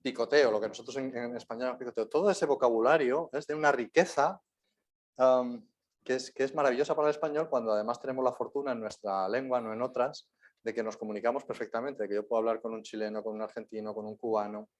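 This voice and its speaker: A man's voice: medium pitch, fairly even intonation, fast talker. A man with a Spain Spanish accent, a guest lecturer answering questions in a university lecture room, rambling on with frequent tag questions.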